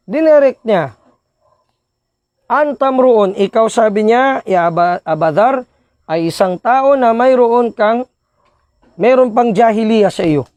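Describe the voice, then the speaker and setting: High-voiced man preaching an Islamic lecture. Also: darkish tone, no room sound. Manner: mixes Tagalog with Bisaya and Arabic phrases, teasing audience members by name.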